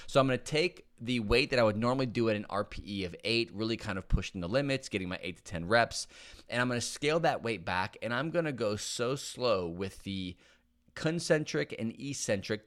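Man, low-pitched voice, casual podcast host, fitness coaching, conversational, repeats words for emphasis. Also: fairly bright tone. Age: adult with young kids. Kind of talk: casual instructional podcast monologue.

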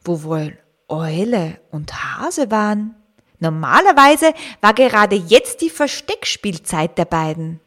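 A woman narrating a children's story gently, speaking directly to the young listener. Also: mid-range voice, animated. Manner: slow, gentle, addressing the young listener, at times whispering.

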